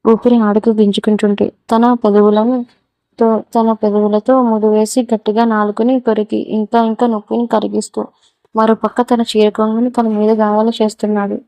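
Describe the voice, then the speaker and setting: A woman storyteller reading a romance audio story in a steady, even way. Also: mid-range voice, normal speed, no room sound. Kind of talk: scripted story narration.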